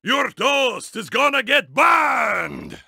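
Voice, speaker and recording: An actor playing a bombastic, villainous monster truck in a video game, with vampire-count theatrics and a raspy, gravelly voice, shouting taunts. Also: male voice, extremely high pitch, very animated, takes it slowly, no room sound, studio quality, full character voice. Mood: menacing, boastful. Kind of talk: video game character voice clips.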